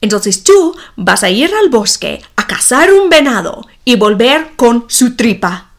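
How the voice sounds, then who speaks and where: A woman voicing an insolent, impatient boy who shouts his demands in a shrill voice. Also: very animated, measured pace. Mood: demanding.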